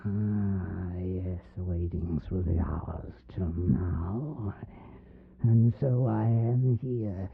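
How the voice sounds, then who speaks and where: A man acting as a commanding, menacing, seductive vampire count in an audio drama, declaiming slowly and theatrically. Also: low voice, creaky, slightly rough, narrow, tinny audio, heavily acted. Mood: hushed, seductive. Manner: slow theatrical, domineering declamation.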